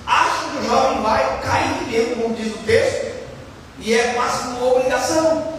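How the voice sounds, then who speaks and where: A man preaching a lively sermon as a pastor, asking the crowd questions and acting out quotes. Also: very high-pitched, moderate pace, slight background noise. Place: church hall. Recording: echoey hall from far off, faint ambience.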